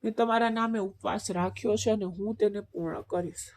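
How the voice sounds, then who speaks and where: A devoted young wife, faint from fasting, answers calmly and quietly in a storybook reading, as a woman narrator gives her voice. Her middle-pitched tone stays soft and steadfast. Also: lightly acted.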